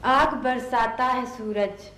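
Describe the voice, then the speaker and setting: Brief: a poetry reciter, slow and lyrical, echoey room with faint ambience. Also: female voice, a little high, fairly bright tone, slight background noise. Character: woman reciting poetry in a duet.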